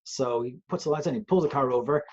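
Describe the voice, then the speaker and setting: A man's voice: mid-range voice, fast, highs cut off. A man, a police trainer, talking earnestly and thoughtfully on a webcast, often restarting his sentences. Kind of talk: conversational webcast talk. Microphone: video call.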